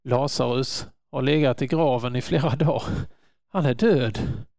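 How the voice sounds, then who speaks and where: A man preaching a sermon in an earnest manner, rising to loud calls when quoting. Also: medium pitch, vocal fry, no room sound, clean studio sound.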